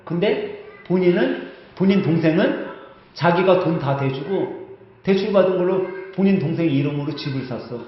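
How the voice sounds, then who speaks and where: A man's voice: a little high, slight background noise. A male pastor preaching a sermon in a church sanctuary, telling a story in a conversational way and asking the congregation questions. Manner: acts out quoted lines in other voices. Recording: heavy echo, dull muffled sound, church hall.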